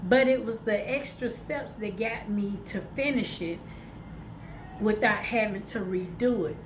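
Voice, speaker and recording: This woman's medium-pitched voice is a little slow and clearly congested from her sinuses. Talking from home beside a window, she gives a casual motivational vlog, informal and chatty, addressing viewers as "y'all" with plenty of fillers. There's noise in the background.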